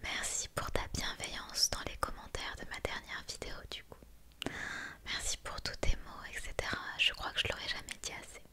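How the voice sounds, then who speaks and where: A young woman whispers closely in a breathy voice, chatting intimately and unscripted to one listener in an ASMR style. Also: normal speed, pushed and bright. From France. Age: young adult. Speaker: ASMR creator and vlogger. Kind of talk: whispered ASMR casual chat.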